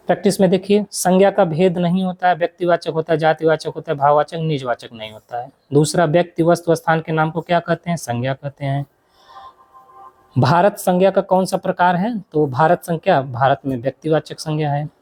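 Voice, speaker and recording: Mellow-voiced grammar teacher explaining examples. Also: mid-range voice. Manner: asks questions and answers them himself, lists examples; mixes English words into explanations. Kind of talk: exam-prep grammar lesson.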